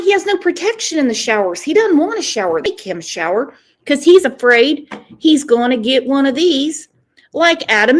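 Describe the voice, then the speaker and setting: A woman delivers casual true-crime commentary in a slightly high voice. She takes her time, stretching words out for mocking, disdainful emphasis. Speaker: host reacting to recorded calls.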